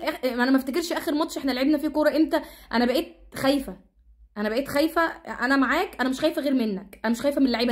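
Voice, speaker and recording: Egyptian woman ranting about football, high voice, talks super fast, keeps repeating herself. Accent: Egyptian Arabic. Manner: exasperated, repetitive, rapid-fire ranting. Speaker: football commentator vlogger. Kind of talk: casual ranting commentary.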